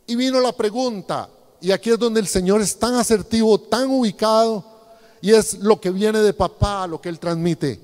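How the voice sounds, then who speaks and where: High-voiced preacher man in a reverberant hall. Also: normal speed, darkish tone. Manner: addresses the congregation directly, rhetorical questions. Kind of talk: sermon.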